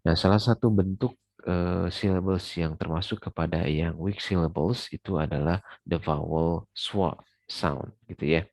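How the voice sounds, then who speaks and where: A man's voice: low-pitched, fairly even intonation, measured pace, darkish tone, no room sound. A man teaching English sound rules in a loose lecture, full of fillers and mixing in English terms. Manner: many fillers, mixes English terms into explanations. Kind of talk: casual recorded lecture.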